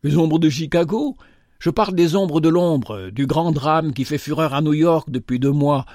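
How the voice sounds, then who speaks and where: A man's voice: fairly high pitch, moderate pace, a little mellow, no echo, studio quality, close to an everyday voice. A man voicing a haughty, impatient rich young woman who talks with scorn.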